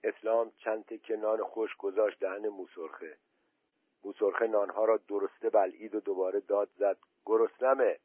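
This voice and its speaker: Husky man reading a story. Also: fairly low pitch, fairly even intonation, no echo. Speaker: reader. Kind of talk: audiobook narration. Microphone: voice message recording. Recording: dry, tinny phone-quality audio.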